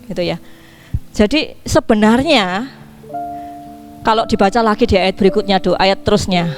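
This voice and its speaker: A woman pastor preaching a sermon in a lively way, asking her congregation questions. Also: medium pitch, moderate pace, faint music behind. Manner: lively, asks the congregation questions, acts out dialogue. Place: church.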